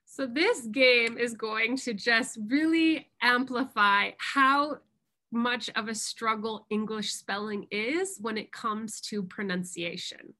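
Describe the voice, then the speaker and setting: Over a video call, a Canadian-accented pronunciation coach leads an online workshop lesson. Her fairly high voice sounds pushed and bright, and she teaches in an encouraging, unhurried way.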